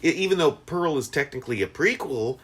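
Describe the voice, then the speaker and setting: A man co-hosts a podcast in easy, casual chat. His pitch swings up and down a lot, and he rambles through fillers, restarts and asides. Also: animated, fairly quick, fairly bright tone. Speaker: podcast co-host.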